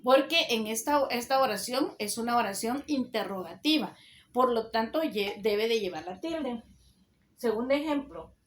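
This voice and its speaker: A woman teacher giving a recorded spelling lesson, dictating rules slowly and deliberately. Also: a little high, lively intonation, roomy sound, slight background noise.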